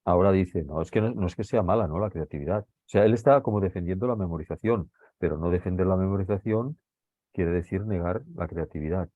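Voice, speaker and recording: Man, teacher, explaining a text in class, low voice, dull dry recording, keeps asking if students follow. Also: fairly quick, no echo. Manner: checks understanding with frequent tag questions.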